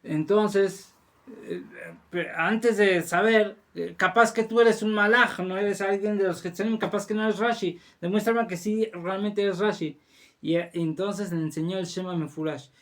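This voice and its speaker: A man, a rabbi, telling a religious story as a lesson, halting often with restarts and fillers. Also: high-pitched, fairly even intonation.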